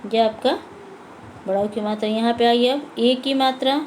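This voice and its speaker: A woman's voice: on the high side, steady tone, moderate pace, darkish tone, slight background noise, rough recording. A woman teaching a Hindi lesson to young children, patiently repeating words and asking and answering her own questions. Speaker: primary school Hindi teacher.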